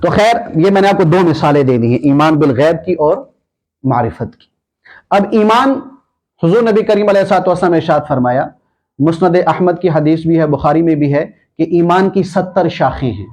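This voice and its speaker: A man preacher delivers a sermon full of dramatic storytelling. He swings from loud to quiet, and his voice sits a little high. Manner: animated, swings between loud and soft.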